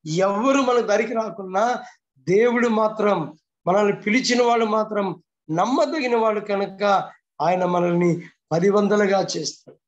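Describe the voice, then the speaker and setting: High-voiced man preaching fervently. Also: unhurried, lo-fi sound. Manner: fervent preaching with repeated phrases and rhetorical questions. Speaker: pastor. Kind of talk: devotional sermon over a video call.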